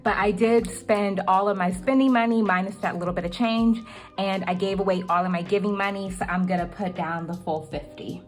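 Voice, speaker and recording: A young budgeting vlogger walks through her monthly budget in a casual video, chatty and full of ums. Her mid-range voice is steady and brisk but slightly cracking, with faint music behind.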